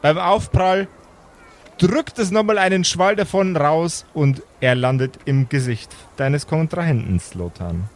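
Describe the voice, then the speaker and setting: A man with a voice on the high side acts as game master, narrating an improvised tabletop game dramatically with measured, suspenseful pauses.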